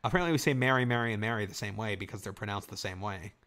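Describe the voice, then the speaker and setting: A man's voice: on the low side, racing. A man co-hosting a podcast, from Michigan, chatting casually and reading things aloud with jokes. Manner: animated, reads aloud and jokes. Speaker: podcast co-host. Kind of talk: casual chat.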